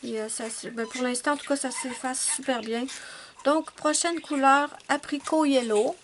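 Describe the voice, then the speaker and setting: A woman's voice: high-pitched, steady tone, normal speed, a little hiss or hum. A woman, chatting at home as she tests art supplies, thinking aloud to her viewers with many fillers. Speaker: art channel host. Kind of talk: casual chat while swatching art supplies. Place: at home with her cat nearby.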